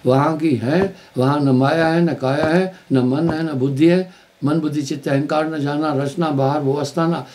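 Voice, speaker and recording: A man's voice: a little high, a little mellow. A man preaching at a live spiritual gathering, telling stories and driving points home by repeating words. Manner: storytelling with emphatic repetition. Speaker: spiritual teacher. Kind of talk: live satsang sermon.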